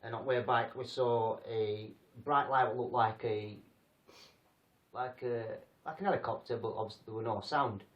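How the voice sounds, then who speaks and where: A man's voice: mid-range voice, steady tone, normal speed. A man from England hosting a casual livestream chat, rambling and joking about himself. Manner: rambling, jokey, self-deprecating. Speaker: paranormal group host. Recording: roomy, distant, dull sound.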